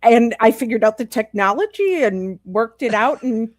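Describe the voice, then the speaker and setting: A woman's voice: on the high side, expressive, normal speed, dry recording, clean studio sound. A woman speaking as a guest in a casual, conversational question and answer session.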